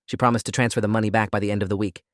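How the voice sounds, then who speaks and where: A man reads a first-person story aloud at a brisk clip, his voice sitting low. The delivery stays steady and even throughout, recorded close and dry with no room around it. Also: no room sound. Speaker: narrator.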